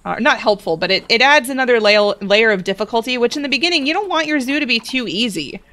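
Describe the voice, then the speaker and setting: A young woman giving casual let's play commentary, chatty and prone to excited gasps, talking to the animals in her game. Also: fairly high pitch, fast talker.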